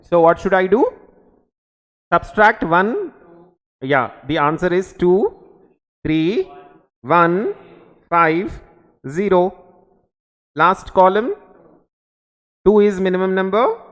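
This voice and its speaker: A male teacher with a Telugu-accented Indian English voice lectures at an unhurried, slow pace. He speaks in short instructional phrases and often puts brief questions to students. The room adds a long, echoey reverb. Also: sits high, very animated, fairly bright tone. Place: indoor teaching studio or classroom.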